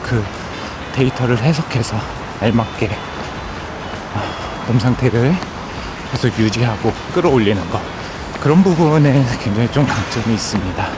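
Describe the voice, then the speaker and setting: A man records a casual vlog as he runs, speaking in short, broken phrases at a medium pitch. He is outdoors, and loud music plays behind his voice. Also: moderate pace, rough recording. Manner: talking while running, in short broken phrases. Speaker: running content creator.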